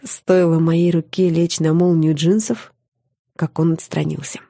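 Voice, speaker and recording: A woman reading a first-person audiobook on a close studio mic, intimate and expressive, often softening to a hush. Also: sits low, unhurried, vocal fry, husky, dry recording. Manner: intimate and expressive, dropping to a soft hush in tender moments. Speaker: audiobook narrator.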